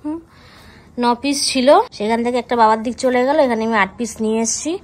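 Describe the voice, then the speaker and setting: A woman's voice: a little high, quick pace. A young woman vlogging in a casual, chatty way. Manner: lively and chatty, hushed late at night. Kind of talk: casual vlog chat.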